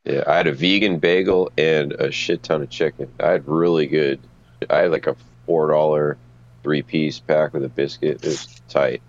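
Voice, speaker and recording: A man's voice: very deep voice, steady tone, moderate pace, highs cut off. A man co-hosting a podcast in casual chat, easygoing and swearing casually.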